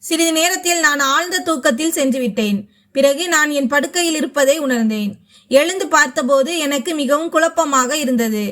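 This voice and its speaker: High-pitched woman telling a dramatic first-person story, emotional storyteller vibe. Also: normal speed, a bit bright.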